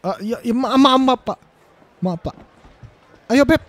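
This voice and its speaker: A man's voice: extremely high pitch, takes it slowly. A young man from Indonesia giving joking game commentary, playful and teasing, laughing often. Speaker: gaming YouTuber.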